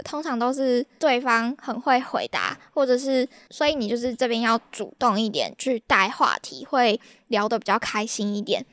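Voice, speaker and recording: A woman's voice: a little high, fairly bright tone, no room sound, studio quality. A young woman from Taiwan with a Taiwanese Mandarin accent, hosting a podcast in a chatty, exasperated storytelling way. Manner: chatty, exasperated, laughs at her own stories. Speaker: podcast host.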